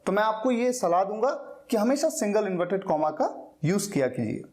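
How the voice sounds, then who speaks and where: Expressive and a little mellow, this high male voice belongs to a teacher walking through a lesson step by step. Patiently, he says words again slowly to demonstrate how they're pronounced in his explanatory lecture.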